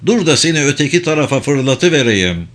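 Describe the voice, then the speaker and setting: A man's voice: mid-range voice, very animated, fairly quick, a bit bright. A man playing a coolly menacing young fighter. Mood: taunting.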